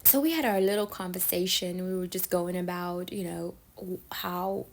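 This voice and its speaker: A woman's voice: fairly low pitch, moderate pace, slight background noise, rough recording. A woman from Somalia telling stories in a casual monologue, often checking in with her listener with "yeah?" and "right?". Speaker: storyteller.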